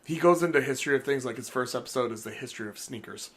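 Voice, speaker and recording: A man co-hosting a casual podcast, blunt and quick to swear. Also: medium pitch, crowd noise. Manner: blunt and profane. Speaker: podcast co-host.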